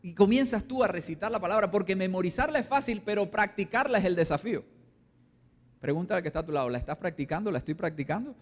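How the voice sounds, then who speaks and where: A man preaching a sermon as pastor, acting out little quoted voices and swinging between quiet asides and louder points. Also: expressive, fast talker, big-room sound. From Colombia. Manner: preaching with acted-out quotes, dropping low and rising loud. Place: church hall.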